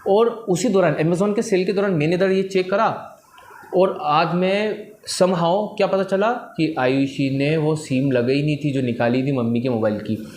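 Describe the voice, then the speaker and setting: A young man from India with a fairly high voice tells students a motivational story. He switches easily between Hindi and English and keeps asking "right?" as he goes. The sound is roomy and echoey, with a faint hum of ambience behind him. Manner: lively storytelling, mixes Hindi and English, frequent "right?" tags. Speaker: English trainer addressing students. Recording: roomy echo.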